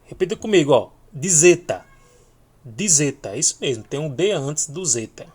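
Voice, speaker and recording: A man teaching a video lesson, speaking slowly and repeating each letter name for learners to follow. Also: a little high, sing-song, darkish tone, husky.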